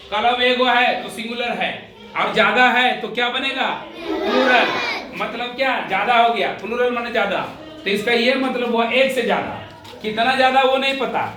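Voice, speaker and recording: A man's voice: very high voice, background noise. A man teaching a grammar lesson, who asks questions and answers them himself and repeats each point. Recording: echoey room, voice from a distance.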